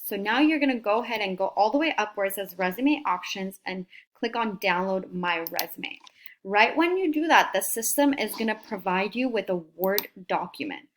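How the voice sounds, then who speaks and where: A medium-pitched woman career coach records an upbeat, encouraging screen tutorial, talking students through each step as she clicks along. There's a little hiss or hum in the audio.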